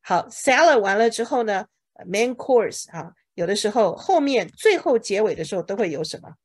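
A woman teaching English words to a class, asking questions, drilling each word slowly and saying OK a lot. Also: mid-range voice, very animated, a little mellow, husky. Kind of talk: bilingual vocabulary lesson to a class.

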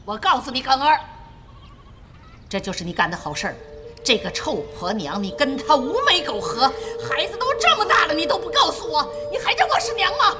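A woman's voice: sing-song, fairly quick, sharp tone, heavily acted. An actress playing a furious, scolding blind old mother in a period TV drama, with music behind. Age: older. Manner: shrill, scolding, wailing. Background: drama score music.

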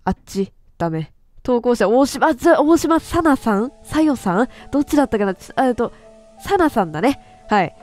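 A fairly high-voiced woman streams a horror game, reading its stories aloud and quipping at herself between lines. She often stumbles and corrects herself, and faint game music plays behind her. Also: very animated, moderate pace, a little mellow. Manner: chatty, talks to herself and quips at the text; frequent self-corrections and stumbles while reading.

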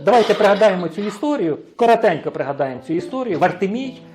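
A male preacher with a high-pitched voice delivers a sermon, putting rhetorical questions to his listeners and checking in with a quick "right?". Soft music plays faintly behind him. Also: expressive. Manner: frequent rhetorical questions to the congregation; tags sentences with a questioning "right?".

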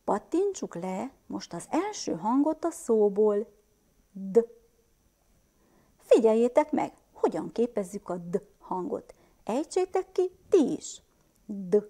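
A woman teacher with a Transylvanian Hungarian accent giving a first-grade reading lesson, sounding out words slowly and asking the children questions. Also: fairly high pitch, big pitch swings, dark tone.

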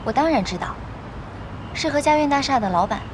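An actress playing a confident, shrewd young secretary who talks matter-of-factly. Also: female voice, high-pitched, expressive, fairly quick, background noise. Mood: assured. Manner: assured, matter-of-fact. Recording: music playing behind.

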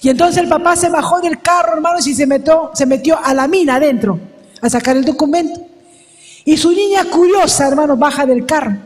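A woman's voice: high voice, a little mellow, in a large hall. A woman preaching a sermon at a women's service, emphatic and repetitive, often calling out to the brethren.

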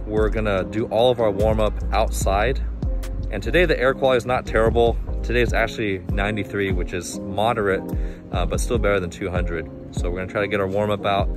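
A man in his thirties chatting casually to camera as a vlogging coach, slightly muffled by a face mask, outdoors on a phone. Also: fairly low pitch. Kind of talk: casual vlog chat to camera. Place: outdoors in a parking lot. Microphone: phone at arm's length. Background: music.

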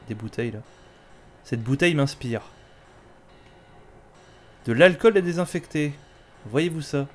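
A let's play host with a medium-pitched voice jokes casually while playing a video game, sarcastically talking back to it. There's slight background noise.

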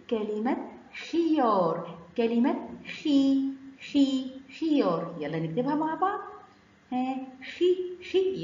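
Egyptian lady teacher, sing-song, draws out letter sounds, kinda high, echoey dull recording. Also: darkish tone. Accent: Egyptian Arabic. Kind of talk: children's alphabet lesson.

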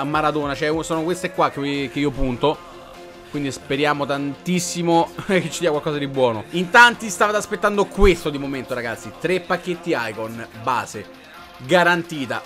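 A young man commenting on a video game pack opening, talking straight to his viewers in an excitable, chatty way. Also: a little high. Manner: excitable, addresses viewers as "raga". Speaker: gaming streamer.

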